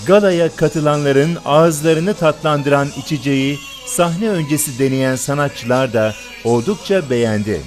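A man's voice: fairly high pitch, measured pace, few pauses, a little mellow. A man reading a scripted event report as a voice-over narrator. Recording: voice-over with clear music behind. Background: music.

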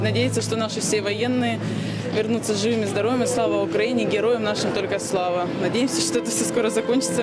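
Woman, thirties, refugee interviewee, earnest, mid pitch, loud music bed. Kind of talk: street interview. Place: outdoor train station platform.

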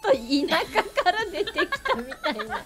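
A woman's voice: very high voice, lively intonation, moderate pace, gravelly, loud music behind the voice. A woman in casual game-stream chat, teasing and laughing a lot.

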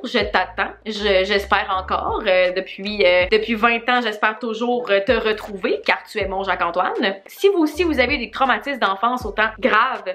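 Dramatic Québécois woman telling comic stories. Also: a little high. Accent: Québécois French. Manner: mock-dramatic, animated, swears a lot. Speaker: YouTuber. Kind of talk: comic storytelling vlog.

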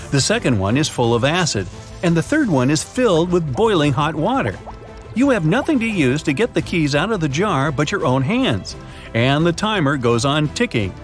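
Male narrator, slightly high and very animated, scripted voice-over with faint music underneath. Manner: lively, dramatic, second-person storytelling with quiz questions. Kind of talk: scripted narration of riddle story. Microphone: studio voice-over.

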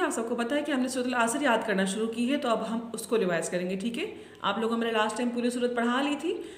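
High-pitched lady teacher talking softly to little kids, keeps saying okay, echoey room. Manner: patient, repeats "thik hai" often; speaks gently to small children. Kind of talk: children's Quran reading lesson.

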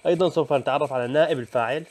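A man teaching, running briskly through the topics of a lesson and pausing on fillers and self-corrections. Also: fairly high pitch, darkish tone. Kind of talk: lesson overview.

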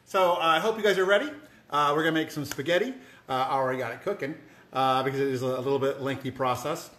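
A man's voice: medium pitch, fairly even intonation, fast talker, a bit bright. A man hosting a home cooking show, chatting casually to the camera with lots of fillers and restarts, in a home kitchen. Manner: rambling, many fillers and restarts. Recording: echoey room.

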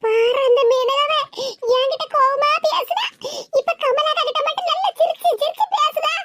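A woman's voice: extremely high pitch, normal speed, fairly bright tone, a little hiss or hum. A woman voicing a whiny, indignant village gossip in a cartoon, with a Tirunelveli Tamil accent. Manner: whining, indignant.

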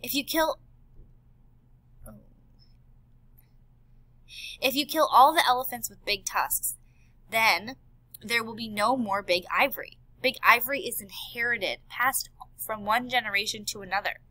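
A woman's voice: a little high, normal speed, pushed and bright, no echo, rough recording. A woman voicing an earnest male elephant scientist and worried father in an audiobook. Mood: pleading. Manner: earnest, pleading.

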